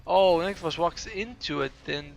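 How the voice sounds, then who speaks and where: A man's voice: on the high side, moderate pace, creaky, slight background noise. A tired, yawning man giving casual, chatty play-by-play commentary on a game replay, often correcting himself mid-sentence.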